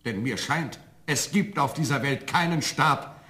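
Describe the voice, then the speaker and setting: A man's voice: mid-range voice, unhurried, bright, forceful tone. An actor playing a farmer who is the father of a giant son, in a radio play. He talks in an insistent, matter-of-fact way. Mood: resigned.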